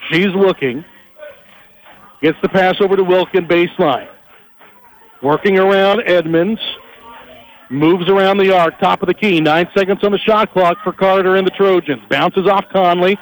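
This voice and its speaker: A man calling college basketball on a headset mic, his voice set high and bright. He rattles through passes and dribbles at speed and jumps higher when a shot drops. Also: rough recording. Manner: rapid energetic calls, rising on big plays. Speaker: play-by-play announcer. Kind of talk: live basketball play-by-play.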